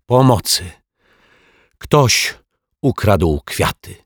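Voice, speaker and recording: A man's voice: deep voice, unhurried, no echo, studio quality. A man voicing a flustered male building caretaker in a children's story, grumbling. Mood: panicked. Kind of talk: storybook reading.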